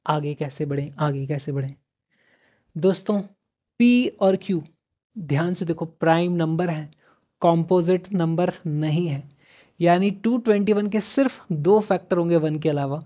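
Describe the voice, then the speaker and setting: A male math teacher giving a chatty exam-prep lesson, repeating phrases, asking and answering his own questions, with sudden louder bursts for emphasis. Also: a little high, moderate pace. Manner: repeats phrases several times in a row.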